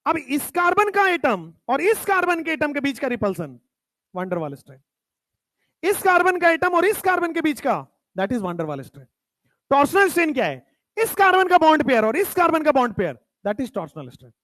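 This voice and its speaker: A man teaching chemistry in a lecture, stressing key terms and repeating them, his voice dropping low whenever he states a definition. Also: huge pitch swings, moderate pace, a bit bright. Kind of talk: classroom lecture.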